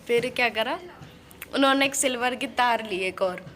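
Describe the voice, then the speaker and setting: Young female vlogger, chatty storyteller who laughs a lot, fairly high, very bright voice. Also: normal speed. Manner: chatty, laughs often while telling. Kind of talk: casual storytelling vlog.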